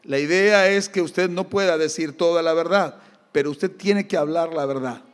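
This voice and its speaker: A man with an Argentine accent preaches with lively emphasis, his voice pitched notably high. He moves between firm exhortation and humorous anecdote. The recording carries the long reverb of a church hall. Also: moderate pace, clear, resonant tone. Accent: Argentine Spanish. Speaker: pastor. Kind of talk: sermon.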